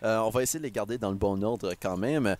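A young man, co-hosting a casual radio chat, relaxed and self-mocking. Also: on the low side, fast. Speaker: co-host.

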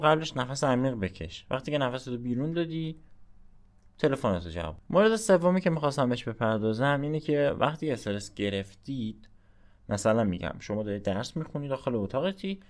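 A man hosting a podcast, giving informal advice in a chatty, coaching way and often checking in with the listener. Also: mid-range voice. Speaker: podcast host.

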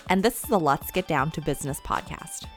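A woman's voice: deep voice, expressive, a little fast, faint music behind. A woman co-hosting a podcast in casual, informal chat with a wry sense of humour. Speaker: podcast co-host.

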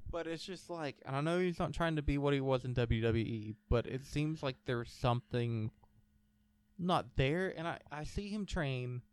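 A man chatting casually on a podcast, rambling and swearing, sometimes breaking into loud mimicking voices. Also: mid-range voice, moderate pace, smooth, no echo. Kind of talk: casual podcast chat about wrestling.

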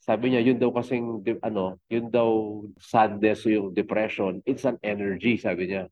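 A middle-aged man speaks as a guest, a fitness coach and father, in an easygoing interview. His voice sits low and comes through a tinny, narrow call line. He meanders, stacking fillers and restarting his sentences. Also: steady tone, moderate pace, darkish tone. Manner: rambling, with many fillers and restarts. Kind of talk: casual interview talk.

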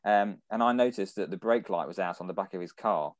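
A young British man shares rambling anecdotes on a podcast, often breaking into laughter. His voice sits low, and the sound is dry and close. The talk is casual and loose. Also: a little fast, no room sound. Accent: British English. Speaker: podcast co-host. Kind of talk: casual chat.

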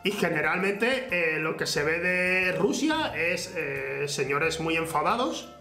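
A young man from Spain hosts a casual chat, hesitating, filling gaps with "eh," restarting sentences, and laughing easily. His voice is a little high, animated, slow, pushed, and bright, in an echoey room with faint music.

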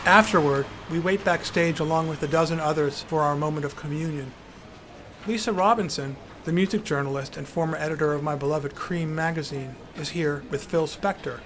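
A man's voice: on the high side, brisk, noisy background. Wry male memoir narrator. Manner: wry, dryly humorous.

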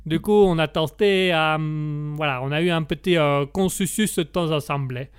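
A man voicing a chatty Italian pasta maker in a put-on Italian accent, speaking slowly and haltingly and filling gaps with "ma". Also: on the high side, clean tone, no echo, clean studio sound, lightly acted. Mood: rambling. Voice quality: slow and halting, fills gaps with "ma".

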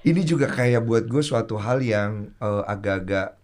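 Animated man telling a story. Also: lowish voice, moderate pace. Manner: animated storyteller, slangy, bursts of loud laughter. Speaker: podcast guest. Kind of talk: casual chat.

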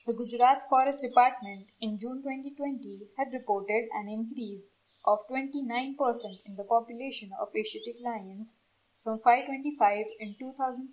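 A woman's voice: on the high side, darkish tone, rough recording. A woman reads scripted, informational narration in a formal, explanatory way, like a nature documentary. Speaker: presenter of environmental news.

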